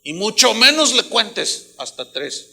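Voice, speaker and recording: A Mexican pastor preaches with a high, piercing, very bright voice. He swings between hushed asides and loud, emphatic bursts. He scolds his congregation bluntly but with a joking edge. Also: very animated, takes it slowly, creaky, breathy edge. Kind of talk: sermon.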